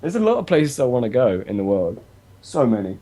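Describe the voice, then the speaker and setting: A man's voice: medium pitch, very animated, brisk, mellow. A man co-hosting a casual podcast, easygoing and hesitant with many um's. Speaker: podcast co-host.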